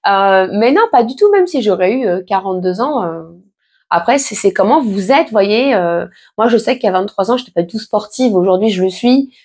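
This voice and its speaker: A pregnant woman in her late thirties, a vlogger, chats casually and reassuringly while answering viewer questions, full of fillers and restarts. Her mid-range voice is a little mellow and husky, with lively intonation at a normal speed.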